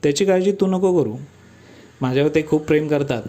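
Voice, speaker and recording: A bright, teasing young woman in love, as a male storyteller puts her on in a raised voice. She sounds pampered and cheerful and talks with affection. Her voice sits a bit high and carries strongly. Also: a little fast, lightly acted. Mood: playful, affectionate.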